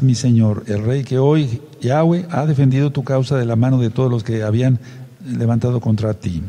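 A man's voice: medium pitch, warm tone, big-room sound. A man leading a Bible study, reading scripture aloud and stopping to explain it and question his listeners. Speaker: Bible teacher.

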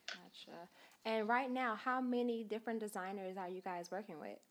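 A woman's voice: mid-range voice, steady tone, moderate pace. A woman hosting a podcast interview in a casual, friendly way, with short affirmations between her guest's answers. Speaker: podcast host.

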